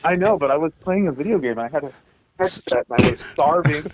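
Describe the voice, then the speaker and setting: A man's voice: on the high side, lively intonation, brisk, over a noisy crowd, poor audio. A man joining a podcast as an easygoing guest, talking casually. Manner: easygoing, laughing. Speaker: guest on phone. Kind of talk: casual chat.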